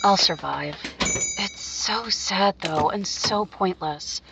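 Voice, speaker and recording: A woman's voice: mid-range voice, slow pace, creaky, background noise. A woman playing a wronged but resolute business partner in a radio detective drama, subdued and regretful. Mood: sad, regretful. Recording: dull lo-fi sound, music underneath.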